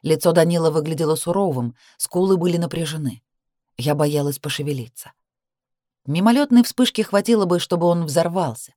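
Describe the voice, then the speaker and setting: Mellow woman narrating an audiobook. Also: deep voice, brisk, dry recording, studio quality. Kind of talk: first-person novel narration.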